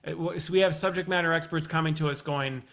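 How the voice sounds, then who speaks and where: Hosting a conversational interview, a talkative man thinks aloud, recaps what's been said, checks back, and asks curious questions. His voice is a little high, fairly bright, and steady, with vocal fry and a fast pace.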